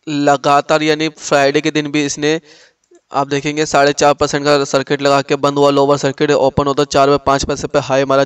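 Man explaining stock charts, flat crisp voice. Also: on the high side, dry recording. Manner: explanatory, repeats "dekhiye". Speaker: stock market channel host. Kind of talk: screen-share market analysis.

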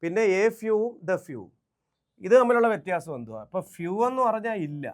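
A man from Kerala teaching a quick exam revision lesson, firing rhetorical questions, answering them himself and repeating key phrases for emphasis. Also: sits high, big pitch swings.

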